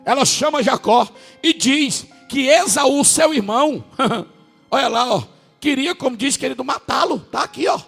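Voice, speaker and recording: A man preaching with a northern Brazilian accent, his voice very high and gravelly with a husky edge. He swings from drawn-out words to sudden shouts over faint music in the church. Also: lively intonation, in a large hall. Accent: Brazilian Portuguese, northern. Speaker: pastor. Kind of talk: sermon.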